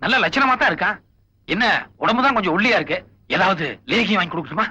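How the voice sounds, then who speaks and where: An actor playing a cheeky, wisecracking bank thief in 1990s film dialogue, joking and mixing in English. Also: male voice, high-pitched, expressive, quick pace, sharp tone, breathy edge, full character voice, rough recording. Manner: joking, teasing, mixes in English.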